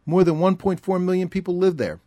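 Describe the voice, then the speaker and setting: A man reading a scripted documentary narration in a measured, even way. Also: high voice, no echo. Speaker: narrator and reporter.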